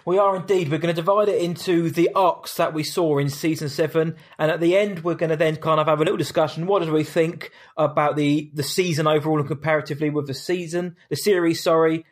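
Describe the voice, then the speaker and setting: A man chats as a podcast co-host. His voice is slightly high for a man. He talks in a laid-back, matey, rambling style. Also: fairly even intonation, quick pace, hardly any pauses. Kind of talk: casual podcast chat.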